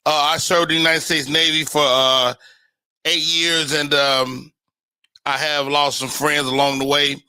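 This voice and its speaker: Very bright, high-voiced male show host. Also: flat delivery, unhurried, smooth. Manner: upbeat, informal, slangy shout-outs. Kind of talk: casual live show chat.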